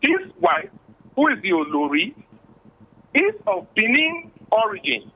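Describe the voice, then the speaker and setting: A man's voice: very high-pitched, huge pitch swings, gravelly, husky. A man with a Nigerian accent, a traditional chief, speaking formally in a remote interview over a bad, tinny connection. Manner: formal, measured, explanatory. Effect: bad remote connection, tinny phone-like line. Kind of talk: remote interview, historical explanation. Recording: tinny phone-like call line.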